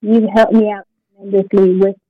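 A woman's voice: mid-range voice, little pitch movement, a little fast, no room sound. A woman in her thirties calling in, hesitant and full of fillers, her voice muffled as if heard through a wall. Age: 30s. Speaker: caller. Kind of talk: call-in conversation. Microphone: phone held away from the mouth. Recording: muffled tinny phone line.

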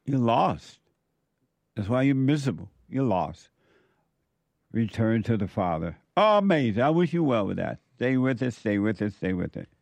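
Man, talk show host, gravelly voice, slow emphatic preaching, repeats phrases. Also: medium pitch, big pitch swings, a little mellow, no echo. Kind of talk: call-in and viewer-message talk.

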